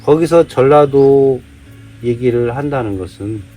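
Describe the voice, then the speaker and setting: A man's voice: mid-range voice, a little slow, mellow, faint music behind. A man from Jeolla giving a heated monologue, firing off rhetorical questions. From Jeolla, South Korea. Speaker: vlogger. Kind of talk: casual monologue, day-drinking rant.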